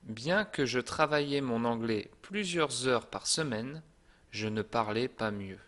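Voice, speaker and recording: A man teaching a French lesson. His delivery is very slow and unhurried, with each phrase set apart, and his voice sits at an ordinary middle pitch. He reads from a script in a calm, reassuring way.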